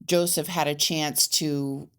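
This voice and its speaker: A woman's voice: deep voice, steady tone, takes it slowly, clean tone. A woman co-hosting a casual true-crime podcast, reading case facts with hesitant fillers. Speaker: podcast co-host telling the case.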